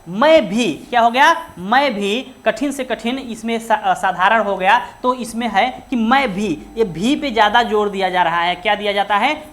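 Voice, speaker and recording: A woman's voice: mid-range voice, fairly bright tone. Woman teaching, asks and answers herself. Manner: keeps asking rhetorical questions and answering them herself; slows to stress words one by one. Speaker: Hindi grammar teacher. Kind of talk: exam-prep lesson.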